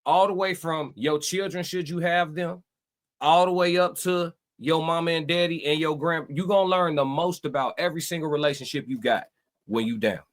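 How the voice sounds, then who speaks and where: A man's voice: on the high side, moderate pace. A man hosting a live reaction stream, talking to his chat and giving emphatic life advice. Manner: preachy, emphatic, talks to chat.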